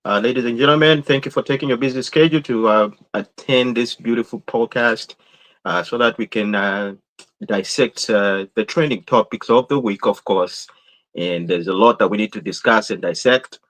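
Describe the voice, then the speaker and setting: A man's voice: fairly low pitch, normal speed, a bit bright. A man co-hosting a show, introducing it in a courteous, formal manner. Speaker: co-host.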